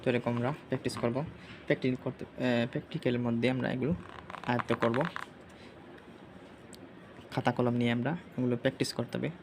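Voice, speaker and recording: A man's voice: medium pitch, little pitch movement, a little fast, long pauses, noisy background. A man teaching an Arabic vocabulary lesson over a screen share, repeating each word several times as a drill.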